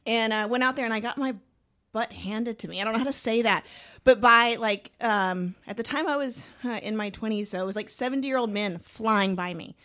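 A woman's voice: a little high, brisk, fairly bright tone. A woman in her thirties from Georgia, a bike instructor chatting on a podcast, telling a story with many ums and likes. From Georgia, USA. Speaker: mountain bike instructor, guest. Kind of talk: casual podcast chat.

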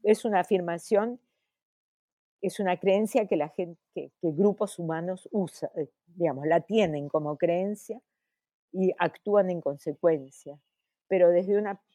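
An older woman with an Argentine accent, an academic guest answering in a podcast interview, thoughtful and full of pauses and restarts. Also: on the low side, warm tone, no room sound. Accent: Argentine Spanish. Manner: slow, thoughtful, many hesitations and restarts.

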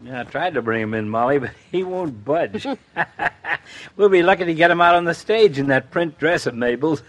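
A man acts out a jovial family doctor in a fifties radio comedy. His voice sits a little high. He teases his friend with dry, ribbing humor. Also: animated, normal speed, close to an everyday voice. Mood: teasing. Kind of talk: 1950s radio comedy acting.

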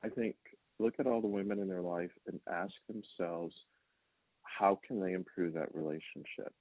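A man's voice: low voice, fairly even intonation, moderate pace, no room sound. A man guest who speaks as a motivational speaker, earnest and preachy, posing rhetorical questions. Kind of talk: interview answers. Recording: dry tinny phone-like sound.

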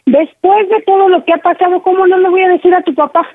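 A woman's voice: extremely high pitch, fairly even intonation, fast talker. A middle-aged woman on the phone, a firm and protective mother who keeps cutting in with "a ver". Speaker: prank call target, mother. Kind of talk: phone conversation. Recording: tinny phone line.

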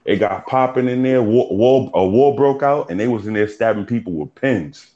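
A man's voice: mid-range voice, moderate pace, warm tone. A middle-aged man with a Bronx New York accent, chatting casually and telling stories in street slang. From New York City. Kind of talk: casual chat. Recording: dull lo-fi audio.

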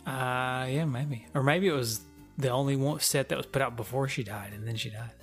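A man's voice: mid-range voice, moderate pace, faint music behind. A man co-hosting a podcast in casual chat, laid-back and joking, often laughing. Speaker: podcast co-host.

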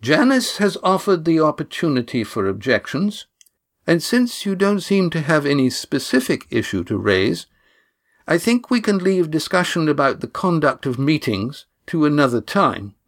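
A man reading a story, voicing a dignified elderly grandmother who speaks slowly and firmly. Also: low-pitched, very animated, pitched above the performer's own voice, exaggerated voice. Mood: calm, firm. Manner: slow and measured.

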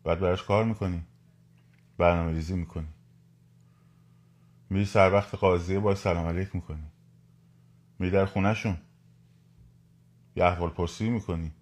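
A man talks to his listeners in a live stream. His voice sits somewhat low, and he presses his points hard, repeating them and asking his audience outright to act. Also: long pauses. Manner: animated, repetitive, urging listeners directly. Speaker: podcast host.

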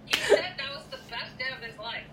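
A woman chatting casually as she recounts a personal story, a little halting and acting out bits of dialogue. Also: on the high side, wildly swooping pitch, bright, forceful tone. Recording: echoey, distant mic, clearly noisy.

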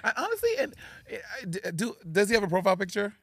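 A man's voice: high-pitched, wildly swooping pitch, fast talker, a bit bright, no echo, clean studio sound. A man from Brooklyn, a guest on a podcast, bantering sassily in casual chat with stammered restarts.

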